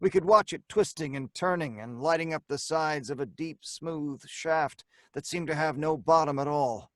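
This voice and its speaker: In a tense old-time radio drama style, a male actor plays a brash crook who mockingly tells his own tale in slangy, hard-boiled language. The voice runs on the high side and natural, at a moderate pace, captured in a clean, dry studio recording.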